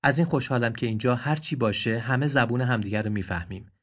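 A man voicing a proud, grieving adult male gazelle in a read-aloud story, in a raised, pleading, indignant voice with a husky tone. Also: medium pitch, lightly acted. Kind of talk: storybook voice acting.

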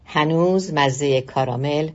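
An older narrator reading a personal memoir slowly and wistfully, with long pauses. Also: mid-range voice, darkish tone. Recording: dull lo-fi recording. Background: faint music.

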